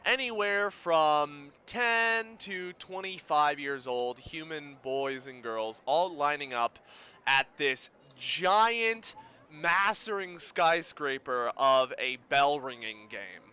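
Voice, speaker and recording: Male game master, smooth clear high voice, animated narration with vocal sound effects. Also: slow pace, highs cut off.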